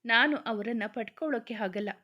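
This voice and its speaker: A woman's voice: on the high side, normal speed, close to an everyday voice. A woman reading a heartbroken young man. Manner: pleading, tearful. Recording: dull lo-fi recording.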